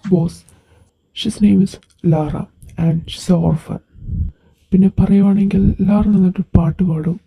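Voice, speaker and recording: A woman's voice: fairly low pitch, fairly even intonation, slow pace, vocal fry, pauses often, warm tone, breathy edge, heavily acted. A woman voicing a dutiful male henchman reporting to his boss in an amateur audio drama, rambling and deferential. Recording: dull lo-fi recording.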